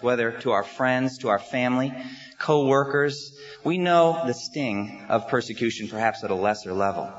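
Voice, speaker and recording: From a church sanctuary's pulpit microphone, an American male pastor with a mid-range voice delivers a sermon. He's earnest and measured, pausing often with "uh," and the recording is slightly muffled.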